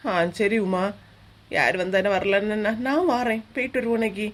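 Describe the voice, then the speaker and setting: A woman's voice: mid-range voice, normal speed, natural voice. A woman with a Kanyakumari Tamil accent voicing a sulky, easily upset young village woman in a cartoon. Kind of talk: cartoon voice acting.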